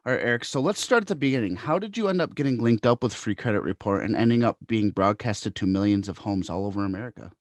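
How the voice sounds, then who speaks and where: A man's voice: on the low side, expressive, fast talker, hardly any pauses, dry recording. Easygoing male podcast host. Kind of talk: casual interview hosting.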